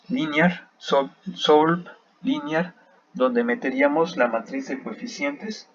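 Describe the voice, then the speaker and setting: A man walks through a math lesson at an unhurried pace, thinking aloud as he checks each step. The recording sounds a little dull, with a faint hiss of background noise underneath. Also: medium pitch, fairly bright tone. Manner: slow, thinking aloud while checking work. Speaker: math teacher.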